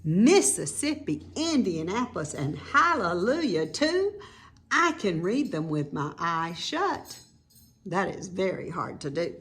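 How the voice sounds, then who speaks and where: A woman with a lowish voice reads a children's picture book aloud slowly, expressive and teacherly. She adds informal explanatory asides for young listeners.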